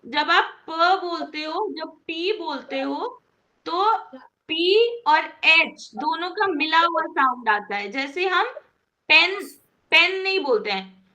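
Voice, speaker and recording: A woman leads an online English phonics lesson, patiently encouraging her students and slowly repeating each sound. Her voice is very high, expressive, and sharp in tone.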